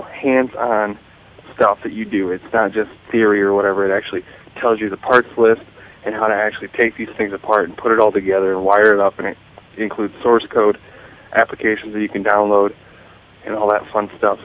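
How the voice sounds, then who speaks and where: An American man hosting a tech radio show, explaining things in a casual conversational way. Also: fairly low pitch. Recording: tinny phone-like audio, faint hiss.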